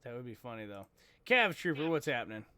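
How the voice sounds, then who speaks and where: A man's voice: medium pitch, very animated, quick pace, pushed and bright, slight background noise. A man hosting a casual live stream, joking about pictures and reading out chat messages. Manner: joking, amused, reads chat aloud. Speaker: show host. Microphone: desk microphone.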